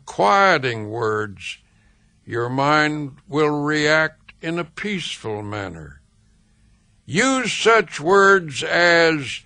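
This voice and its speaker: Guy reading a self-help book, really slow calm voice, bright tone, dry close sound, pauses a lot. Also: a little high, vocal fry, no room sound. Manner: slow, measured and soothing, with deliberate pauses. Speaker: audiobook reader.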